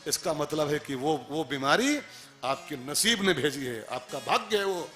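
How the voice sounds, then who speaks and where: A man preaching a devotional sermon, animated and rhetorical, repeating phrases and asking the audience questions. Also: a little high, unhurried.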